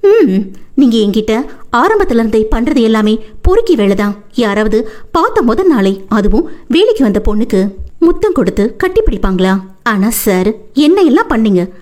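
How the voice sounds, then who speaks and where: A woman's voice: on the high side, very animated, moderate pace, a little mellow. A woman voicing a hurt, teasing young wife who scolds her husband in an audiobook. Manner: sulky and scolding.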